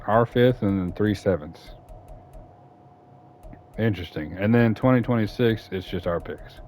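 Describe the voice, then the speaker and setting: A man's voice: lowish voice, warm tone, slight background noise. A man casually talking through a football franchise game, rambling and correcting himself as he goes. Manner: rambling, self-correcting, chatty. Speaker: gaming YouTuber. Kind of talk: casual franchise-mode commentary.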